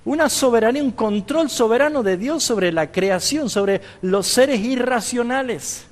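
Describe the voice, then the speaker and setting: An Argentine pastor with an extremely high, expressive voice teaches a seminary class like a sermon, unhurried, with a big-room sound. He retells Bible stories, acting out the dialogue and putting questions to his listeners, his accent Argentine Spanish.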